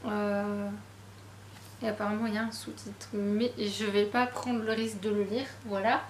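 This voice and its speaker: A woman's voice: mid-range voice, flat delivery, normal speed, reverberant, slight background noise. A woman chatting casually about her latest book purchases, self-deprecating and full of fillers. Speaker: book vlogger. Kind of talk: casual book haul chat.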